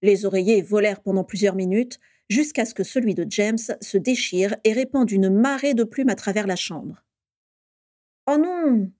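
A woman reads a story aloud in a calm, measured way. Her tone is mellow and darkish, recorded dry and close. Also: medium pitch, no echo. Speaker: narrator. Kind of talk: storybook reading.

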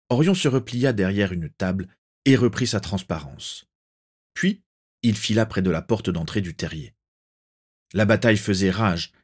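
A man narrating a fan-fiction story aloud in a measured, dramatic storytelling way. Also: sits low, darkish tone.

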